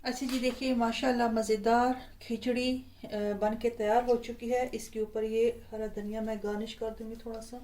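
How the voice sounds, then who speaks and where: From her kitchen, a cooking channel host gives a chatty, homely home cooking tutorial, explaining in a relaxed way. Her fairly high voice moves at a moderate pace with hardly any pauses, and the rough recording clearly picks up a sizzling pan and stirring.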